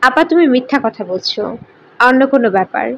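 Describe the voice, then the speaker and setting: Storybook younger sister, curious and insistent, played by a woman narrator, high and light. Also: expressive, normal speed, creaky, husky, full character voice. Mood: probing. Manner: probing, persistent questions.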